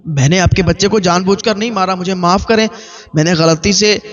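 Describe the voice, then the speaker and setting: A man preacher voicing a desperate young male migrant worker who pleads that he killed by accident. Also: natural voice. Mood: pleading. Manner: anguished, pleading, voice pushed high. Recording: dull lo-fi with faint music.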